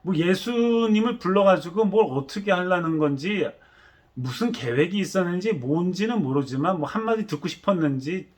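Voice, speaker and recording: A pastor preaching a sermon, telling the story animatedly and acting out the voices. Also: male voice, high voice, animated, normal speed.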